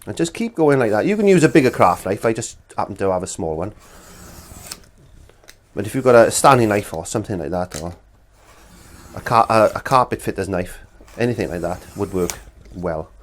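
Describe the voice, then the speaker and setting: This middle-aged Welsh art instructor has a stuffy nose from a cold and gives a casual demonstration lesson in a small studio, wearing a lapel mic. His voice sits on the low side and sounds animated at a normal speed, with long pauses. He's friendly and rambling, full of restarts and fillers.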